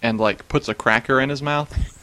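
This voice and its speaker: A man's voice: mid-range voice, steady tone, moderate pace, sharp tone, slight background noise. A man in casual chat, recounting strange dreams and often breaking into laughter. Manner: laughs often while telling, many fillers.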